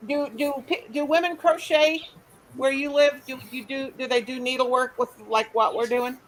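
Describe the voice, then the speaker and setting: A woman's voice: high voice, fairly even intonation, normal speed, rough recording. A woman from Missouri, hosting a casual craft livestream in an effusive, folksy way. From Missouri, USA. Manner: effusive and folksy, says honey. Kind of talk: casual group chat.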